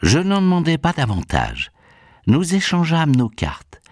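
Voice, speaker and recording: A man's voice: on the high side, wildly swooping pitch, a little slow, no echo. A man narrating a radio drama in a theatrical, pompous way while playing several voices. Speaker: narrator and lead actor.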